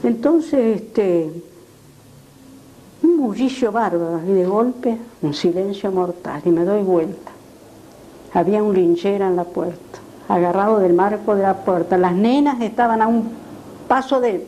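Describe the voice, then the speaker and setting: An older woman, a retired teacher telling animated stories in an interview. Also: medium pitch, measured pace, highs cut off, slight background noise. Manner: animated, acts out quoted voices. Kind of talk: storytelling in an interview.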